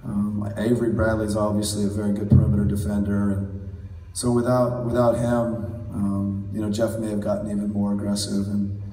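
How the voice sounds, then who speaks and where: A male basketball head coach answers questions at a postgame press conference, measured and steady, in a low, flat voice full of "you know" fillers. His table mic is picked up from far back in the audience, so the sound is roomy and distant, with faint hall noise and soft background music.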